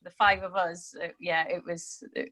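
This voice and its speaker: Guest: Scottish woman with a lowish voice, chatty and relaxed, telling her story in casual conversation. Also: moderate pace, slight background noise, rough recording. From Scotland. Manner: chatty, laughs easily, speeds up when recounting. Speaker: podcast guest.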